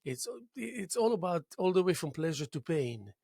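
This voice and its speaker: A man hosting a local talk show, warm in his words but halting, with many restarts. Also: fairly high pitch, big pitch swings, gravelly, no room sound, studio quality. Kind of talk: interview.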